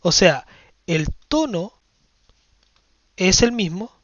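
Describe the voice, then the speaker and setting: High-voiced man teaching physics. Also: sing-song, takes it slowly, fairly bright tone, dry recording, highs cut off. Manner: explanatory, checks in with frequent "¿ya?". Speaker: science teacher. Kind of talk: physics lesson explaining exam questions.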